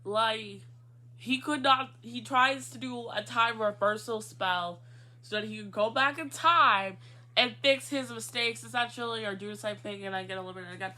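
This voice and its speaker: Brief: woman co-host, casual recap chat, bright and lively, laughs easily. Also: on the high side. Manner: animated, laughs often, drawn-out emphasis.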